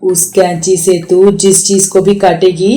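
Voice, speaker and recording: A stern older mother-in-law in a cartoon story, firm and scolding, speaking in a slow, measured way, voiced by a woman narrator. Soft music plays faintly underneath. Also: lowish voice, level tone, pitched below the performer's own voice, lightly acted.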